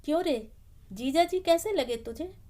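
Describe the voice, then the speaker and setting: A woman's voice: high-pitched, animated, measured pace, dark tone. Narrator voices a lonely hunchbacked woman, bashful and pleading.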